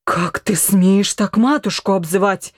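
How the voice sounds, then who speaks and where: A woman reading an audiobook, voicing a hot-tempered young noble daughter who speaks quickly and indignantly. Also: mid-range voice, husky, no echo, studio quality.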